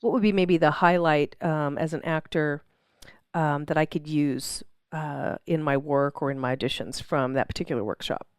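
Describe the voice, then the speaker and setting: Woman podcast host, lowish voice, jumps in with wows and okays, dry sound. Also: fairly even intonation, clear, resonant tone, no echo. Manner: eager, quick to react with interjections. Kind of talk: casual podcast interview.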